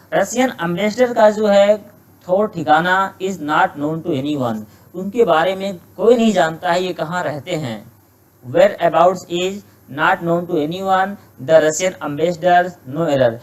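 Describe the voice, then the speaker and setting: A man teaching an exam-prep English grammar lesson. He reads English sentences slowly word by word, then explains them in Hindi, often posing rhetorical questions to himself. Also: high voice, rough recording.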